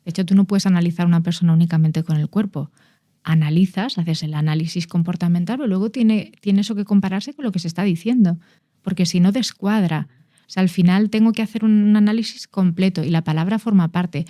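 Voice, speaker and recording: Woman with a mellow, dry voice. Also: on the low side, fairly quick, no echo. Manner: explanatory, stresses words, many restarts. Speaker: podcast guest, nonverbal communication expert. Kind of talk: conversational explanation. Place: podcast studio.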